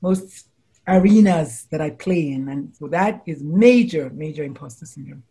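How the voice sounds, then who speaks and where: A woman in her forties or older, a doctor and life coach from the United States, chatting casually in an interview and telling animated stories, with quotes acted out in high exclamations. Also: normal speed. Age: 40s or older.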